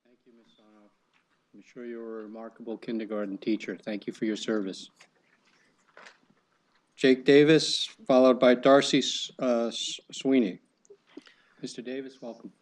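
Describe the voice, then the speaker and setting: A man's voice: mid-range voice, fairly even intonation, moderate pace, long pauses. Meeting chair guy, short formal thank-yous, mid voice. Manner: brief, formal, calls speakers.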